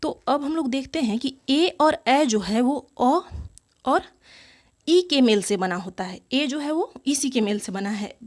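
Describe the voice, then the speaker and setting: Woman teacher explaining grammar, slightly high voice. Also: animated, unhurried. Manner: explains step by step, repeating key terms; asks the class questions and answers them herself. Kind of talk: exam-prep grammar lesson.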